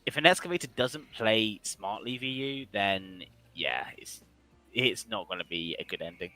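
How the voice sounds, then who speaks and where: A man's voice: on the low side, sharp tone, faint music behind, poor audio. A man casting an online game league match, chatty and joking, who grew up with another first language besides English. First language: not English. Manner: joking, chatty, quick to apologize. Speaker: esports commentator. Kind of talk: casual game commentary.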